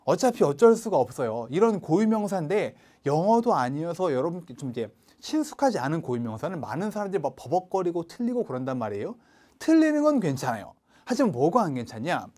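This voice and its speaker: Animated male test-prep teacher. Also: high voice. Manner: coaching, repeats checks with the listener, reads English lines slowly for them to repeat. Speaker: English speaking test teacher. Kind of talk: online lecture.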